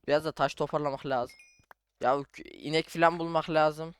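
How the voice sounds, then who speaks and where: A man's voice: a little high, fairly even intonation, normal speed, clean tone. A young man casually commenting on his own Minecraft playthrough, chatting to himself and his viewers as he plays. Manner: chatty, talks to himself while playing, says "abi" and "arkadaşlar" often. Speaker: gaming YouTuber.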